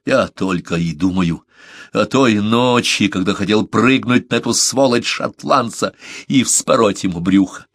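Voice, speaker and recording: A man voicing a furious, grieving man, half-mad with rage, shouting in fierce hoarse outbursts in an audiobook. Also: lowish voice, a little slow, dry recording.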